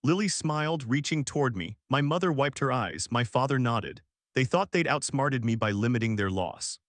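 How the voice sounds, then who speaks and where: Brief: male storyteller, measured first-person narration, mid pitch, dry booth sound. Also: expressive, fairly bright tone, dry recording.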